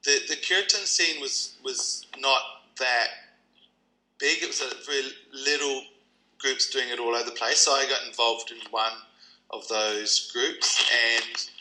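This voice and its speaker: A man's voice: medium pitch, measured pace, sharp tone, low-quality recording. A man from New Zealand with a New Zealand accent, answering interview questions thoughtfully, with many ums and restarts. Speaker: kirtan teacher.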